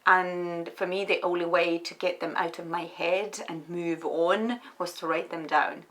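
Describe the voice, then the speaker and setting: A woman from Estonia, a writer answering interview questions in a reflective, hesitant way with many pauses and restarts. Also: lowish voice, fairly even intonation, a bit bright.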